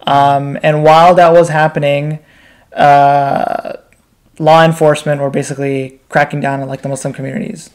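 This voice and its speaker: Being interviewed, a young man in his twenties recounts his life candidly at a moderate pace, his fairly high voice staying level. His accent is American, and he is from the United States, Pakistan, Bangladesh and Qatar; he keeps saying "like" and asking "right?".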